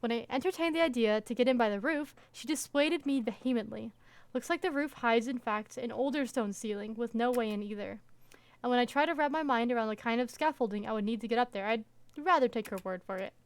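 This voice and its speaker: A woman reading the lines of a pushy, possessive male ex-partner in a visual novel game, in her own higher voice. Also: brisk, no room sound, close to an everyday voice. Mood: matter-of-fact. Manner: plain, even reading of the lines.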